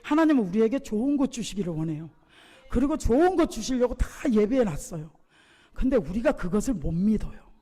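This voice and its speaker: A male pastor giving an emphatic sermon, jumping between loud exclamations and low, quiet asides. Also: very animated, a little fast, long reverb tail. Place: church sanctuary.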